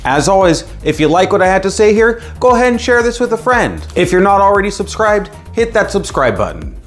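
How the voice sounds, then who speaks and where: A man's voice: high voice, big pitch swings, a little fast. American man, instructive, over music. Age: 30s. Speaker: scoutmaster and video host. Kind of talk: explainer talk to camera. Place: small room at home, indoors.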